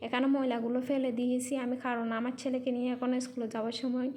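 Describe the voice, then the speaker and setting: A woman's voice: a little high, level tone, racing, a little mellow, a little hiss or hum. A woman narrating a casual vlog as a non-native Bengali speaker with a Chittagong-influenced accent, repeating and rephrasing things in simple words. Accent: non-native Bengali with Chittagong regional influence. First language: not Bengali. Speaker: vlogger and mother living in Malaysia.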